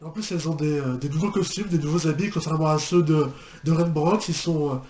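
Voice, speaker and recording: This man hosts reaction videos, speaking fast in a slightly high voice with a darkish tone. His casual commentary is full of hesitations, repetition, and exclamations of disbelief, recorded in an echoey room with a little noise.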